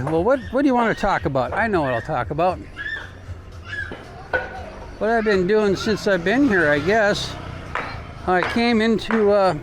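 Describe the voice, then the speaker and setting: A high-voiced American travel vlogger walks along city streets outdoors, rambling casually in an informal, folksy way. Street and traffic noise comes through clearly on the recording.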